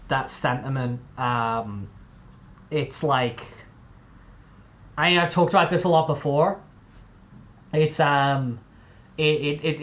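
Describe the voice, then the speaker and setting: A young man with a mixed, displaced accent, chatting casually on a live stream, rambling with many fillers and restarts. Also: mid-range voice.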